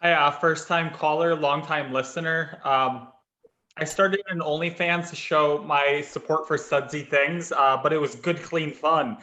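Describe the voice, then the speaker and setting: A man's voice: on the high side, fairly even intonation, unhurried, bright, forceful tone. A man improvising an earnest, prim caller who sounds mildly scandalized, in an online comedy show.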